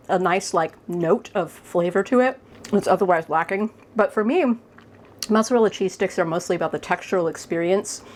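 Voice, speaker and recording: A woman's voice: fairly low pitch, a little hiss or hum. A woman food vlogger chatting enthusiastically during an on-camera taste test, sometimes talking while she chews.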